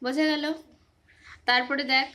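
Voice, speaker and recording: Bright high-voiced woman teaching phonics. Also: flat delivery, normal speed. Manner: patient, quizzing with repeated questions. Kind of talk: informal phonics lesson.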